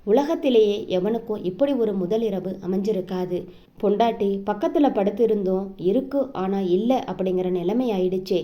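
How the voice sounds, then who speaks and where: A woman's voice: medium pitch, moderate pace, mellow, lightly acted. A woman voicing a playful young husband in a storybook romance, teasing and mocking his wife. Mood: lamenting.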